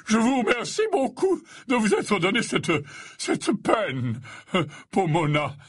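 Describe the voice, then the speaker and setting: A man voicing a fussy, courteous old male professor in a high, breathy voice. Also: huge pitch swings, slow, heavily acted.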